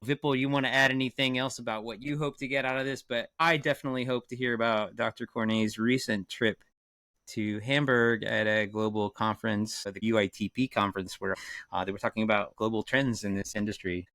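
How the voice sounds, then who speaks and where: A man's voice: lowish voice, fairly even intonation, a little fast, sharp tone, no room sound. A man hosting a podcast, asking loose, rambling questions and repeating words as he goes. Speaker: podcast host. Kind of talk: scripted podcast intro, then casual interview questions.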